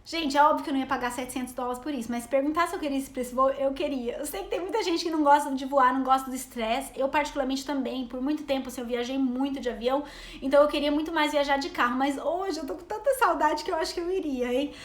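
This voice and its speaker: She talks fast in a high voice: a Brazilian woman in her thirties, mother and travel vlogger, rambling through a live stream in Brazilian Portuguese. She chats with viewers and reads out what they comment, and the recording sounds roomy.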